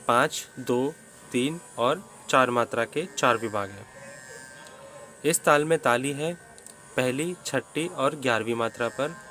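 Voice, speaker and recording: A man's voice: medium pitch, fairly bright tone. A man teaching a step-by-step rhythm lesson, patiently counting beats and reciting the syllables of each one. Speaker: music teacher.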